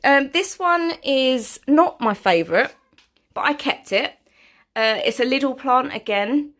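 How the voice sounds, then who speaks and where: A woman's voice: high voice, expressive, a little slow, fairly bright tone. A woman chatting casually through a home vlog, self-deprecating and full of fillers. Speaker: vlogger. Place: home, indoors.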